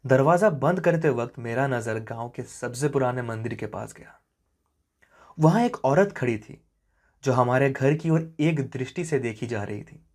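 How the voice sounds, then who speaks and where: A man narrating a horror story in a slow, suspenseful way that often sinks to a hush. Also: medium pitch.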